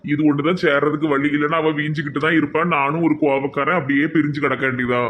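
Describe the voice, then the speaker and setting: A man plays a hot-tempered middle-aged shop owner in a cartoon, blunt and scolding. He rattles his lines off quickly in a Tirunelveli accent. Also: fairly high pitch, level tone, narrow, tinny audio, a little hiss or hum, lightly acted. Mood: scheming. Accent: Tirunelveli Tamil. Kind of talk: cartoon voice acting.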